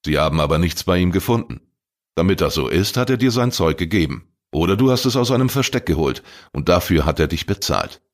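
A man reading a crime story voices a grown detective who questions calmly and firmly. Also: low-pitched, brisk. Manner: calm, firm questioning. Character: adult male private detective, calm and firm.

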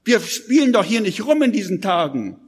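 A man's voice: sits high, sing-song, moderate pace, husky, long reverb tail. A man preaching a live sermon, urgent and emphatic, speaking straight to his listeners. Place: church hall with audience.

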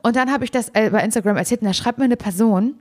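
Loud, lively woman podcast host. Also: on the high side, fast. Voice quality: loud, full voice. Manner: animated storyteller, acts out quotes, laughs a lot. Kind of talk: casual podcast chat.

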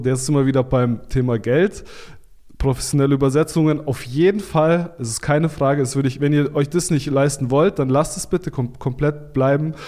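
Male podcast guest, mid-pitched, blunt and casual, lots of restarts and fillers. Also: a little mellow. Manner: informal, blunt advice with frequent restarts and fillers. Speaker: podcast guest, Amazon seller consultant. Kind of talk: casual expert interview talk.

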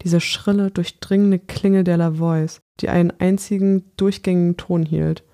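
A narrator reading a thriller novel aloud in a measured, tense audiobook style. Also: mid-range voice, fairly even intonation, dark tone. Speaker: audiobook reader.

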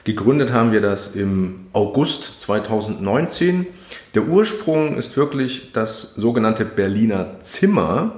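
A man co-hosting a podcast, talking casually in an interview, with hesitant pauses and fillers. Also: on the low side, big pitch swings, a little mellow. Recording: roomy echo.

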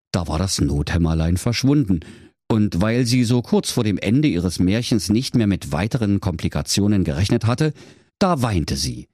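A man narrates a comic fairy tale in a mock-solemn storybook tone. His voice is low and husky, with a very wide swing of pitch. The sound is close and dry. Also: a little mellow, no room sound.

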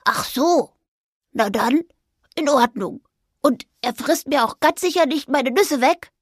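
A woman's voice: sits high, unhurried, dry recording, clean studio sound, voice pushed up. A woman voicing a chatty friendly squirrel. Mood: chatty, helpful. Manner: lively, chatty and helpful.

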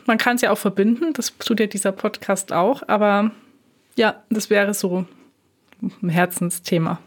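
A woman hosting a podcast as a health journalist, friendly and quick to laugh. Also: mid-range voice. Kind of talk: podcast interview.

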